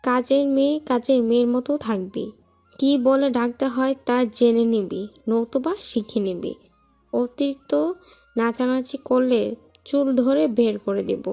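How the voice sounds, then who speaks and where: Actress as domineering aunt, gravelly, contemptuous, music bed. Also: female voice, fairly high pitch, steady tone, a little slow, mellow. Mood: scolding. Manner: scolding, contemptuous. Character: harsh domineering aunt of the household.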